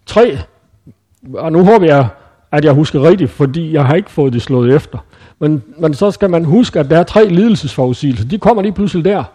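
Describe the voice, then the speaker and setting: A man's voice: fairly high pitch, dark tone. A man preaching in a conversational Bible-teaching style, thinking aloud with frequent hesitations and self-corrections.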